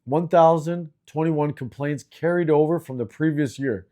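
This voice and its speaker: Fairly high-pitched and mellow, a middle-aged Canadian video host speaks at normal speed while ranting furiously about complaint agencies. His commentary is angry, frustrated and laced with swearing.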